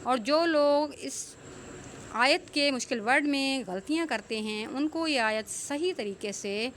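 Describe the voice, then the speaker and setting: High-voiced woman teaching slow recitation. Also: fairly bright tone, a little hiss or hum. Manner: explains rules plainly, then recites words very slowly and stretched. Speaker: Quran tajweed teacher. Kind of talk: online tajweed lesson with slow drawn-out recitation.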